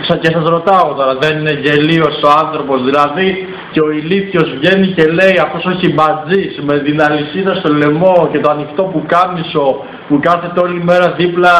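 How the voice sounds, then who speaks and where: A man's voice: fairly high pitch, a bit bright. A man recording an indignant, complaining rant about another person. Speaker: video blogger. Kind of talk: ranting monologue. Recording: echoey room with faint noise.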